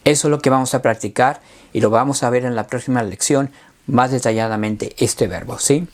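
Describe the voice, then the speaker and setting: A man teaching a language lesson, drilling words slowly and checking in with frequent questions. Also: medium pitch. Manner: slow, deliberate drilling of words. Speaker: Spanish teacher.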